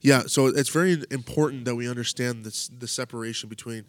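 Male podcast host, mid pitch, easygoing teaching tone, dry close mic. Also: fairly even intonation, brisk, dry recording. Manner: conversational teaching, loose and thinking aloud. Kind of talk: casual faith talk.

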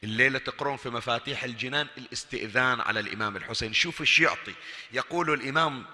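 A man with a Bahraini accent preaching a Shia majlis sermon, swinging from hushed, intimate talk to loud, impassioned appeals. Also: mid-range voice, rapid-fire. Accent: Bahraini Arabic. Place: large mosque hall. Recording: echoey hall with long reverb.

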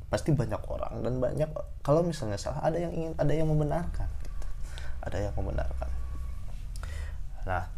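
A man's voice: medium pitch, darkish tone. Hesitant young man musing aloud. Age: young adult. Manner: hesitant, many fillers and self-corrections; repeats key phrases for emphasis. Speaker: podcaster sharing opinions. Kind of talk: casual monologue.

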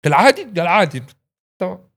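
A man tells stories as a podcast guest, talking fast. His somewhat high voice swings widely in pitch as he acts out the people in his stories and breaks into laughter. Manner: animated storyteller, acts out quotes, laughs often. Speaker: podcast guest, actor and writer. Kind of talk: casual storytelling chat.

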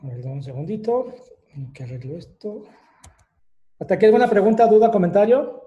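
A man's voice: high-pitched, expressive, a little fast, muffled recording. A man with a Mexican accent giving an online lecture. He explains things step by step and often adds fillers and little tag questions. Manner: explanatory, with many fillers and rhetorical tags.

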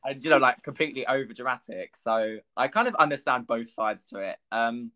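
A man's voice: medium pitch, a little fast, dull audio, noisy background. Chatty young man hosting. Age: young adult. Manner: chatty, animated storytelling with frequent fillers and laughs. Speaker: podcast host. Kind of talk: casual chat.

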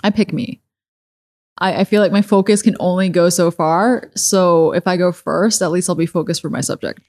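A woman's voice: lowish voice, normal speed, a little mellow. A woman co-hosting a podcast, chatting casually across a kitchen table at home. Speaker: podcast co-host. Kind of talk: casual chat. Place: kitchen table in a living room.

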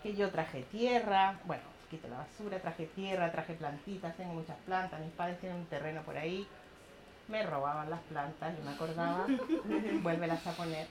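Speaking at a normal speed in a lowish voice, a middle-aged woman from Chile with a Chilean accent animatedly recounts her neighborhood projects at a public talk with audience questions. She laughs a lot and imitates others' voices, and the recording has echo and some background noise.

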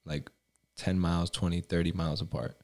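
A young man with a very deep voice talks in a casual, rambling way. He leans on fillers and curses easily, like he is hanging out with a friend on a podcast. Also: little pitch movement, brisk, a little mellow. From Albania. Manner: rambling, filler-heavy, swearing. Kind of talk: casual chat.

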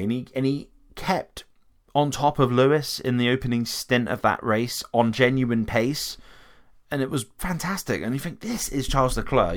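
A man giving casual, opinionated commentary on racing drivers, talking conversationally with frequent restarts. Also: medium pitch. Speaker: motorsport commentator.

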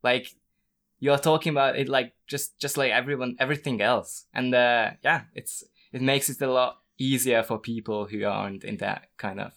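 A man at an ordinary pitch speaks earnestly in a relaxed conversation. He restarts his phrases as he searches for words. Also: normal speed, creaky. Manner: earnest, appreciative, hesitant. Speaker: conversation guest. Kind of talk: casual conversation.

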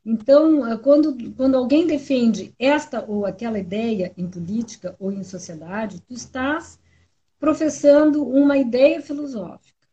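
A woman's voice: a little high, normal speed, mellow, dull audio. A woman, chatting reflectively and often ending with tag questions. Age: 60s. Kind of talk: casual conversation.

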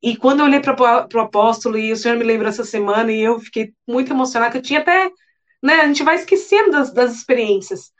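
A young adult woman preaching, telling a personal testimony in an earnest, animated way with many repetitions. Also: fairly high pitch, quick pace. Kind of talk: emotional testimony sermon. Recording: dull lo-fi sound.

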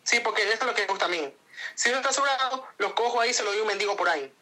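A man with an Ecuadorian accent answers interview questions at a quick clip. His voice is bright and forward, and he rambles earnestly, often restarting his sentences. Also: high-pitched, poor audio. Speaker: interview guest. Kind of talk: casual interview chat.

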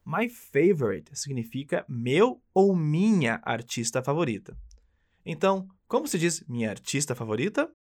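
A Brazilian-accented English teacher runs an upbeat, friendly lesson, coaching the listener through repeated phrases. His voice is on the high side, very animated and a bit mellow, at a normal speed.

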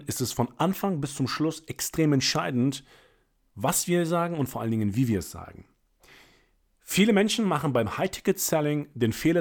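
A man hosting a motivational sales-coaching podcast, talking energetically and emphatically, swinging between loud bursts and quiet, low asides.

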